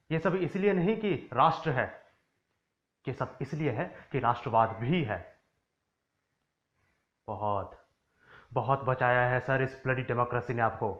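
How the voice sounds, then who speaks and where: A man's voice: mid-range voice, a bit bright. A man playing a stern army officer, cold and cutting, mid-range voice, muffled lo-fi, echoey room. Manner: cold, cutting rebuke mixing Hindi and English. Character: stern male army officer confronting a bigot. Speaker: actor in a monologue contest. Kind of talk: stage monologue. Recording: echoey, dull lo-fi recording.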